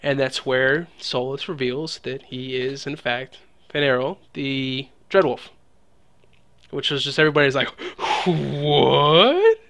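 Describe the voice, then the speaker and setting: A man's voice: mid-range voice, flat delivery, measured pace, a bit bright. A man hosting a casual game discussion, laid-back as he retells the story.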